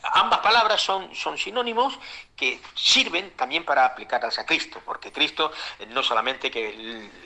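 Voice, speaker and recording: A man's voice: a little high, expressive, moderate pace, pushed and bright. A man preaching a Bible-school sermon as pastor, fervent, with many fillers, repeated words and whispered asides, addressing his listeners as brothers.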